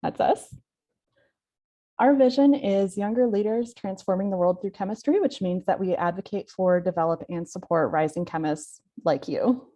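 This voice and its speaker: A woman hosting an online webinar over a video call, speaking plainly with some halting self-corrections. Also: medium pitch, warm tone, muffled recording. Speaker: event host.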